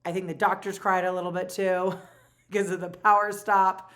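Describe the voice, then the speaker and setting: This low-voiced vlogger, a woman in her forties, recounts something from her own life. Her delivery is quick, lively and casual, sprinkled with plenty of fillers.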